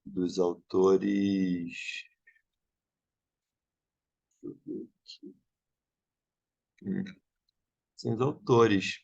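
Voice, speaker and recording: A man's voice: low-pitched, very slow, creaky, long pauses, highs cut off. A man organizing an online academic session, checking details aloud as he goes. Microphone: video call.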